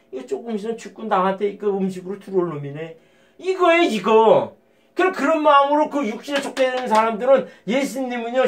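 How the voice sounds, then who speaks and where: A man delivers an informal sermon in a notably high voice for a man. He talks bluntly and swears freely. His steady talk keeps breaking into sudden, emphatic outbursts. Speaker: lay preacher.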